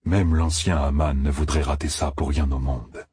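A man voicing a patient, gentle giant male Ogier in an audiobook, calm and kindly. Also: very deep voice, moderate pace, husky, dry recording, heavily acted. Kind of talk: audiobook character reading.

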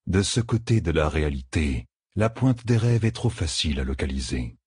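A male narrator reads a cruel hunter with a deep, husky voice who never raises it. He speaks with calm, unhurried menace and a mocking edge. The sound is dry and close, like a storybook villain leaning in. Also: dry recording, full character voice. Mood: cold menace.

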